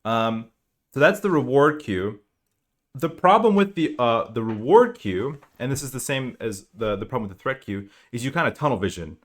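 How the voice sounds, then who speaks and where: A man giving a casual spoken lecture as a team coach, explaining in a conversational, animated way. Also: medium pitch, moderate pace.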